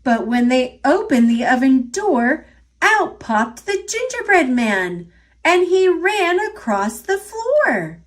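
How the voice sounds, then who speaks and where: An American woman reading a picture book aloud to young children in an expressive, deliberate storytelling style. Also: sits high.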